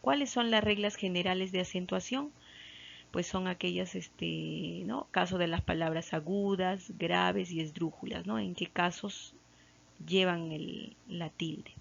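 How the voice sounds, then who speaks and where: A woman's voice: lowish voice, steady tone, unhurried, vocal fry. A woman teacher with a Peruvian Spanish accent giving a patient classroom grammar lesson, checking in with frequent tag questions. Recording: dull lo-fi recording.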